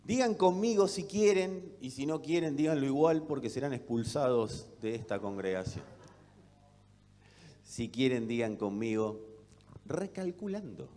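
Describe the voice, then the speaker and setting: A man preaching a sermon with an Argentine accent, asking rhetorical questions and swinging between loud and soft delivery. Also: medium pitch, normal speed. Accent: Argentine Spanish. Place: church hall. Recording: long reverb of a church hall.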